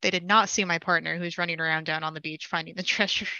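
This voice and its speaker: A young woman casually telling a long gaming story, animated and laughing as she goes, with frequent fillers. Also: on the low side, fast talker, smooth, dry recording, dull audio.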